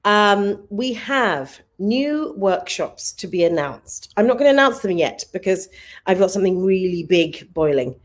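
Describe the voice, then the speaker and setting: A woman's voice: medium pitch, very animated, unhurried. A woman hosting a live online show, gushing with thanks and cheerful sign-offs. She talks in an upbeat, effusive way. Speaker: host.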